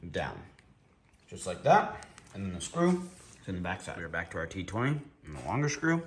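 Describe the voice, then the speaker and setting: A man's voice: lowish voice, a little hiss or hum. A man casually explaining a car part install step by step as he works, for a time with a lollipop in his mouth. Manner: talking while working with his hands, relaxed and matter-of-fact. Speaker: car owner doing an install video. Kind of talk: casual how-to narration.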